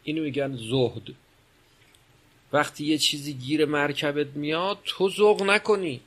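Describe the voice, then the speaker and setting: A man's voice: a little high, fairly bright tone. A man giving a religious lecture, explaining and posing rhetorical questions. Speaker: religious speaker.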